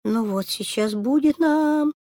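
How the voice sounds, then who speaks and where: A woman voicing a timid, whiny little girl who whimpers in a very high childlike voice. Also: takes it slowly, mellow, dry recording, clean studio sound.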